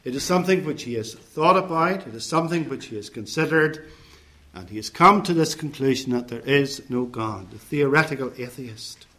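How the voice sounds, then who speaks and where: A man preaching a sermon in a measured, deliberate way, setting out points one by one and listing phrases with care. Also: medium pitch, lively intonation, sharp tone.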